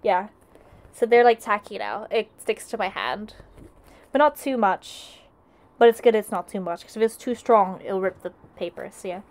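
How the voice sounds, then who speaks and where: A woman's voice: mid-range voice, lively intonation, normal speed, a little mellow. A young woman casually chatting with her live chat while she crafts, greeting viewers and often restarting her sentences. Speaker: arts and crafts streamer.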